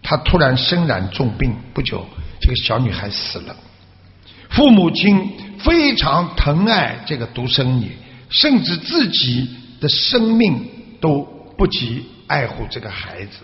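A man preaching a Buddhist sermon through a story, with drawn-out filler sounds and questions to the audience. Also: medium pitch, big pitch swings. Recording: echoey hall, dull lo-fi sound.

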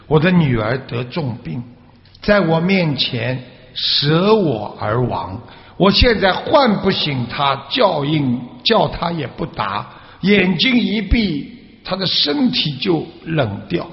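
Brief: a heartbroken father, slow imploring lament, gravelly tone, read by a male preacher. Dull, echoey hall sound. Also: fairly high pitch, voice pushed up, heavily acted. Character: grief-stricken father pleading, broken with sorrow.

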